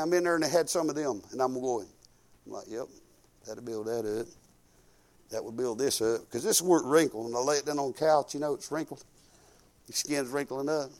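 In a rough recording, a man in his fifties with a Southern US accent gives a casual sermon at medium pitch, weaving in personal anecdotes and prayer. His folksy, chatty delivery is peppered with praise and alternates emphatically between quiet remarks and loud declarations.

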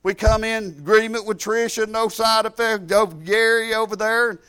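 A man's voice: sits high, steady tone, normal speed, sharp tone, clear, resonant tone. A middle-aged man giving a fervent, folksy church testimony, peppering his talk with hallelujahs. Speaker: church speaker. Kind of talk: sermon testimony.

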